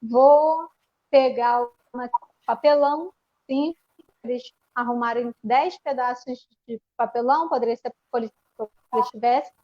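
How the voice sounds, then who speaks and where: High-voiced woman teacher on a video call. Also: a little slow, muffled recording. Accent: Brazilian Portuguese. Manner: explanatory, with many restarts and fillers. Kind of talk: online panel presentation. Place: home.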